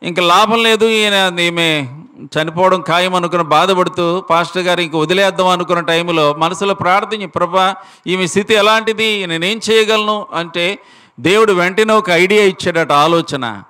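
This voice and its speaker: Casting: male preacher, emphatic sermon, high and bright voice, talks straight to the crowd. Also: moderate pace, clear, resonant tone. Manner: emphatic, repeatedly addresses listeners directly. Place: village prayer house, live-streamed service.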